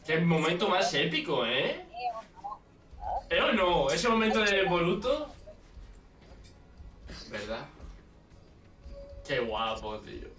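A streamer with a Spain Spanish accent reacts live, and the voice leaps from low mutters to loud cries. The mic sits some way off in a roomy space. Music plays clearly behind the voice. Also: slow pace, pauses often, recorded from a distance. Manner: excitable, shouts and swears at big moments. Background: anime soundtrack.

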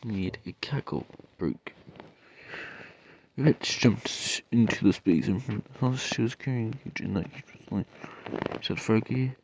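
A young man reading fan-made stories aloud, stumbling and halting with asides, over faint background noise. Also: fairly low pitch, poor audio.

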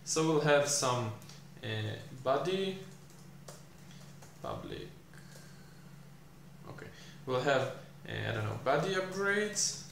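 A young man teaching programming while he codes, thinking aloud with many fillers and pauses, recorded in a small room. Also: mid-range voice, huge pitch swings, creaky, fairly bright tone. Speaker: programming tutor. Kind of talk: live coding explanation. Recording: echoey room, faint hiss.

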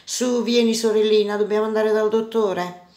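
A bold young street hero, as a woman reads him aloud, talking in a lively, cheeky way. A plain storybook voice, a little higher and brighter than the narration. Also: normal speed, natural voice.

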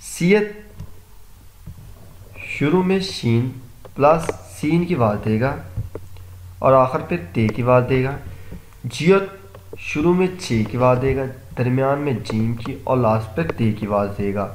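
A man's voice: medium pitch, pauses often. A man from Pakistan teaching Korean letter sounds, saying each sound and then explaining how it is pronounced. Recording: echoey room, faint noise.

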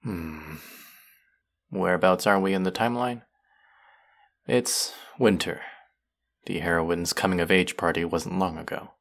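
A man with a deep voice and vocal fry performs a full character voice as a smug, taunting young fantasy villain menacing his captive. The piece is a theatrical roleplay audio monologue, and the mood is scheming.

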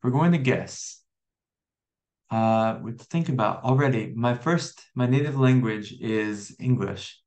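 A young American man gives an English lesson in an unhurried, measured way. He keeps a middle pitch, repeats words and puts friendly questions to the viewer. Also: a little mellow. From USA. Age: 20s. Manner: slow, friendly teacher talk, repeats words and asks questions. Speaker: English teacher.

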